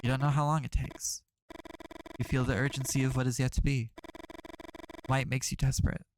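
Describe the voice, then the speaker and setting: Guy streaming a story game, reads the text out then swears and snarks at it, mid pitch. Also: level tone, moderate pace, noisy background. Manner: profane, sarcastic asides. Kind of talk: reading game text aloud with reactions.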